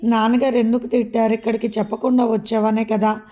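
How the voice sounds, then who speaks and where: A woman voicing an innocent young daughter who coaxes her mother gently, in a mellow, even voice. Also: a little high, fast talker, natural voice. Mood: coaxing. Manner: naive, coaxing.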